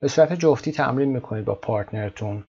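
Husky man teaching English vocabulary. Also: mid-range voice, dark tone. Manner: switches between fast explanation and slow, drawn-out model words. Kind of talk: textbook lesson. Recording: dull lo-fi recording.

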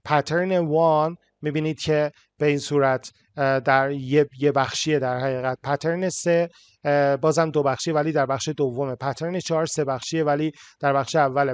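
A man's voice: fairly high pitch, no echo. Man teaching English. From Iran. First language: Persian. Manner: switches between Persian explanation and slow English reading. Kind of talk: language lesson explaining in Persian and English.

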